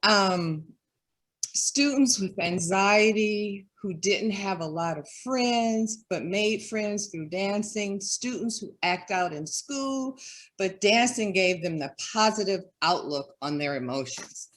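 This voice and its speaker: Earnest woman guest talking slow and heartfelt about her nonprofit work. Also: medium pitch, lively intonation. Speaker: development director. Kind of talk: interview guest.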